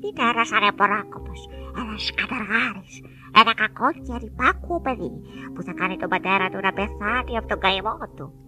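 A woman voicing a stern, gloomy male cricket doctor who scolds gravely. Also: medium pitch, pushed and bright, faint music behind, pitched below the performer's own voice. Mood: scolding.

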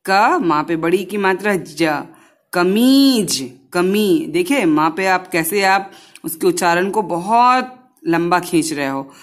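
A woman teaching a Hindi lesson to young children, patiently sounding out words syllable by syllable and often checking whether they follow. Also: fairly low pitch.

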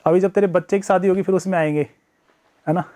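A man's voice: sits high, fairly even intonation, fast talker, dark tone. A man teaching a live online exam-prep lecture, talking in a chatty way, greeting viewers by name and acting out students' excuses. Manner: acts out students' excuses in first person.

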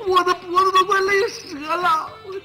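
A man's voice: very high-pitched, big pitch swings, brisk, loud music behind the voice. An actor playing a locked-up cook who fakes madness in a sitcom. He talks in a whiny, pleading, wheedling way. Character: locked-up cook faking madness, begging to be freed. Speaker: inn cook. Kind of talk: sitcom acting.

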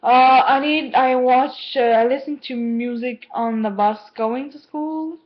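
A teenage girl rambles to her camera at home, drifting off topic and filling her talk with "like". Her voice sits a little high. The sound is dull and lo-fi, like a cheap webcam mic. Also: slow. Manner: rambling, easily distracted, lots of "like". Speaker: vlogger. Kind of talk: casual chat to camera. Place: home, indoors.

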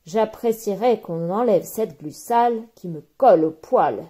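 A woman's voice: medium pitch, animated, a little slow, mellow, slightly rough. A woman voicing a grumpy male jaguar from a children's story, who speaks in a growling, indignant tone.

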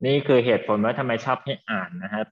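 A man teaching an English class online, quizzing students and explaining slowly and patiently over a video call. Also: medium pitch. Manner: patient, drawn-out explaining, calls students "child". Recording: slightly dull lo-fi sound.

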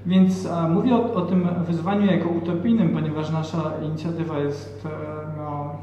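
A man's voice: on the high side, steady tone, normal speed, dark tone, soft background music. Hesitant man in an echoey hall. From Poland. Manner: hesitant, many fillers and restarts. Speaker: panel speaker. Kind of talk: reflective talk at an event. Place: large hall with audience. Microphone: handheld mic. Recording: echoey hall, distant and dull.

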